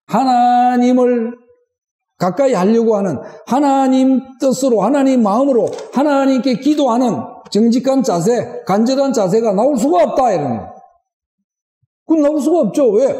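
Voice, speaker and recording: A man's voice: very high-pitched, big pitch swings, moderate pace, mellow. A middle-aged male pastor preaching a sermon, driving his points home with rhetorical questions. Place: church sanctuary. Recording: echoey church hall with long reverb.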